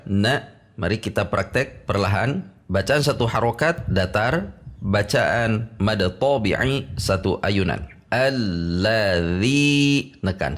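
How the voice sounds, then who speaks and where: A middle-aged man with a fairly low voice gives a step-by-step recitation lesson. He is patient and methodical, drawing out and repeating single syllables as he demonstrates them. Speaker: Quran recitation teacher.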